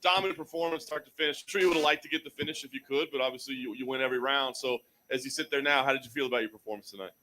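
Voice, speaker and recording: A man's voice: medium pitch, racing, few pauses, bright, forceful tone. A man asking a fighter questions at a post-fight press conference, friendly and conversational. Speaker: interviewer.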